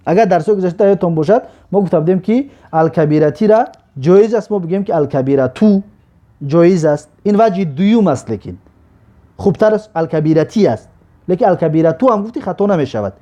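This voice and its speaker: A man teaches a grammar lesson, walking through each example slowly and repeating every phrase. His voice sits high and moves a lot in pitch. The tone is mellow and dark. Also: animated, dull audio. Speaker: Arabic teacher.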